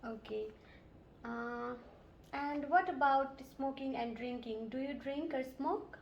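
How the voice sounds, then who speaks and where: A woman's voice: high-pitched, slow pace, highs cut off, a little hiss or hum. A woman from Nepal, playing a nurse and asking polite, methodical questions in a scripted health assessment role-play. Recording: roomy echo.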